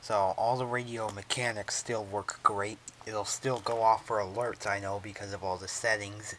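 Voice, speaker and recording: Handling a radio for his unboxing vlog, this male collector rambles casually and leans heavily on "so" and "uh." He has a lowish, fairly bright voice with fairly even intonation and normal speed. A little hiss or hum sits under the recording.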